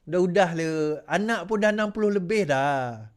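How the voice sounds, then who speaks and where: A man's voice: high voice, expressive, normal speed. A man with a Malaysian Malay accent giving political commentary to viewers, telling stories animatedly with laughs and slipping English phrases in.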